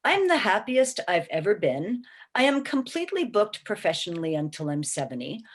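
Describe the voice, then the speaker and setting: A small business owner in her sixties joins a webinar panel by video call, talking at a moderate pace in a mid-range voice with big swings in pitch. She's emphatic and supportive, regularly pausing to ask "okay?"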